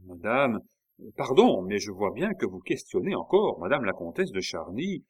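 A man's voice: lowish voice, sing-song, moderate pace, breathy edge, dry recording. A man voicing a proud young nobleman who presses his point earnestly. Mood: insistent. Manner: earnest, pressing, stammering when thrown.

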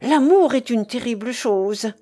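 A woman voicing a domineering male pirate, loud, commanding and boisterous. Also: fairly high pitch, unhurried, voice pushed up. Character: domineering male pirate count, thundering and jovial.

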